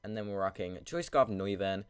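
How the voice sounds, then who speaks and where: Deep-voiced man, sniffly with a cold. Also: normal speed, clean tone, dry recording. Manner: rambling, thinking aloud. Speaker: video game battle commentator. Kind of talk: casual gameplay commentary.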